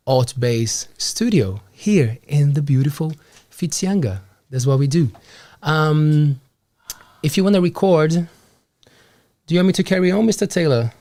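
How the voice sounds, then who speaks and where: A man's voice: fairly high pitch, a little mellow. A man in his thirties hosting a live studio show, talking in a friendly, upbeat way with many fillers. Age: 30s. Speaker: show host. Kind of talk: casual live show chat. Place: small studio.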